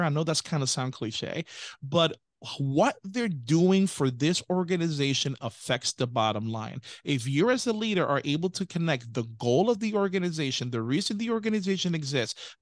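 A man's voice: fairly high pitch, no echo, studio quality. A man co-hosting a business podcast in casual chat, rambling and interrupting himself with tangents. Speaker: podcast co-host.

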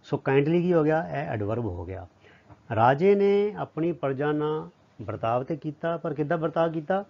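A male teacher with a Punjabi accent explains English grammar. He asks a question and answers it himself, and he reads the English sentences slowly before translating them. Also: on the high side, animated, vocal fry. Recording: dull lo-fi audio.

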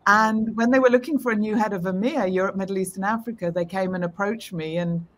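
Speaking fast in a mid-range voice, a fluent, upbeat British woman in her fifties is a tech executive being interviewed. She gives her answers over a video call from indoors in a room at home.

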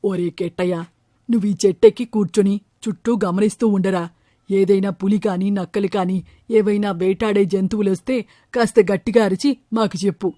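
A woman's voice: medium pitch, fairly even intonation, moderate pace, warm tone, no echo, studio quality, voice pushed down, close to an everyday voice. Woman doing a worried village father. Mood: earnest. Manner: earnest, worried.

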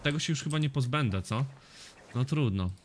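Swearing excitable gaming commentator, man. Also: medium pitch, brisk. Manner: swears often, excitable reactions to the game. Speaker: gaming YouTuber. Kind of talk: casual let's-play commentary.

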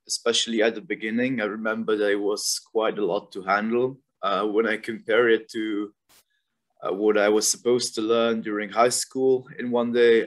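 A young man from the Republic, a university student talking casually and thoughtfully about his studies, with frequent fillers. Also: fairly low pitch. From Czech Republic. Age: young adult. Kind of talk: casual informational talk.

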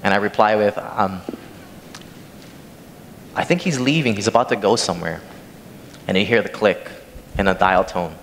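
His voice fairly low, gravelly and a bit bright, a young Hawaiian man preaches at normal speed with long pauses, reading scripture and then sharing a personal story plainly as he walks the stage with a handheld mic. A distant camera picks him up amid long church-hall reverb and faint noise.

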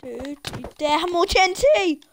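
A woman giving excitable, frantic commentary over a multiplayer game, often shouting and laughing. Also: very high-pitched, normal speed, a little hiss or hum. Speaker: gaming video creator. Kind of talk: let's play commentary.

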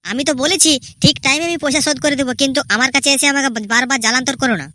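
A woman's voice: high voice, very fast, bright, forceful tone, no echo. A woman voicing a stubborn, defensive young husband in a cartoon. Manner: defensive, irritated, firm.

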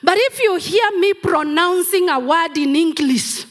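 On a big church hall's stage, a middle-aged Kenyan woman pastor, first language Kamba, preaches into a handheld mic. Her very high-pitched voice is unhurried, and she hammers home phrases through emphatic repetition.

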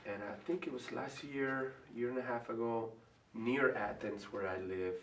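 A middle-aged artist and college faculty member with a Venezuelan Spanish accent answers interview questions at medium pitch, thoughtful and hesitant, pausing and restarting often. He stands in a room before a large painting, picked up by a distant camera, so the sound is echoey with faint hiss.

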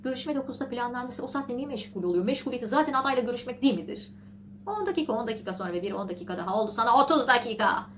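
A woman hosting a casual vlog, reading an article aloud and mocking it with sarcastic asides and shrill outbursts, laughing often. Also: lively intonation, very fast, a little hiss or hum. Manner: laughs often while talking. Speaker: vlog host.

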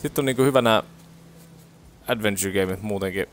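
A young man giving casual commentary while playing a game on a headset mic, making wry remarks. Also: lowish voice. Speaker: gameplay streamer.

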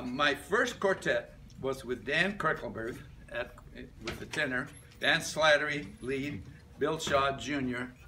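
An older man, roughly in his 70s or 80s, reads a prepared life-story speech to his club, halting between short phrases in a medium-pitched voice. A camera a few metres away in a medium-sized indoor meeting room picks him up distantly, with background noise.

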